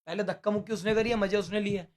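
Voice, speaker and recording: Fast-talking high-voiced young man. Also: fairly even intonation. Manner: rapid narration, quoting himself in dialogue. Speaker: reality show contestant recounting a fight. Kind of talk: casual storytelling chat.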